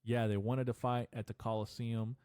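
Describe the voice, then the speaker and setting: A man's voice: medium pitch, flat delivery, moderate pace, mellow, clear, resonant tone, no echo, clean studio sound. A young man hosting a casual solo podcast, rambling loosely with slang and swearing, with a slight stutter and lisp. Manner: loose and profane, slangy, meandering. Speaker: podcast host.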